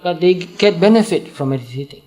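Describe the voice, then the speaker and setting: Burmese accent monk guy, calm patient teaching voice, kinda high pitched. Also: faint music behind. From Burma. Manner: calm, patient, repeats points slowly. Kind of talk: dharma talk to an audience.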